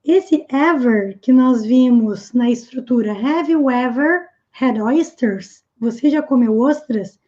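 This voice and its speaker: High-voiced, unhurried woman teaching English. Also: warm tone, highs cut off. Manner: patient, repeats English phrases slowly and clearly. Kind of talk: explaining an English lesson.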